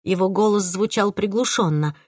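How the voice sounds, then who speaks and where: Expressive woman reading a first-person novel. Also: medium pitch, normal speed, no echo, clean studio sound. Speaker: audiobook narrator. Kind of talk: first-person audiobook narration.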